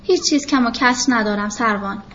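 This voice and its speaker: A woman's voice: a little high, a bit bright, highs cut off, slight background noise, natural voice. A woman voicing a stubborn old male carpenter who talks bluntly and plainly, in a storybook reading.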